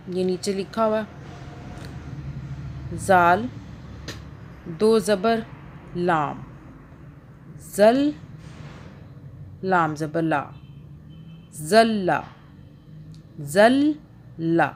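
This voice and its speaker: A woman from Pakistan teaches Quran reading in a slow, patient lesson. Her voice sits a little low, and she spells out and repeats syllables carefully. Faint background hiss runs under the recording.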